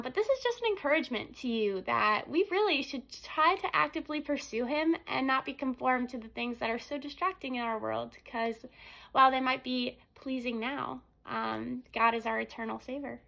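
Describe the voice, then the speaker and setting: A young woman speaks earnestly into her phone in a small room, sharing a casual devotional talk with plenty of ums. Her voice sits fairly high with a gravelly, fry-laden edge. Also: bright, forceful tone, low-quality recording. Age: young adult. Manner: earnest, conversational, frequent ums. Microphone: phone camera at arm's length.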